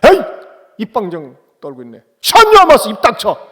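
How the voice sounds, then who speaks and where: A man voicing a boastful adult fisherman disciple who blusters and shouts curses. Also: very high-pitched, wildly swooping pitch, brisk, breathy edge, in a large hall, pitched above the performer's own voice, heavily acted. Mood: cursing. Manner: blustering, shouting, then crushed.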